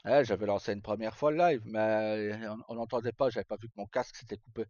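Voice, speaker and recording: Talking fast in a fairly low, steady, slightly mellow voice, a live streamer chats casually and unscripted to his viewers. He's sweary and colloquial in short broken-off phrases, and faint game music sits behind the dull, roomy sound.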